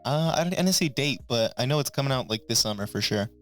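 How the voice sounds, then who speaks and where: A man's voice: mid-range voice, expressive, quick pace, a bit bright, soft background music. A young man co-hosting a casual podcast chat, talking in a hyped, slangy way and saying bro a lot. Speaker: podcast co-host.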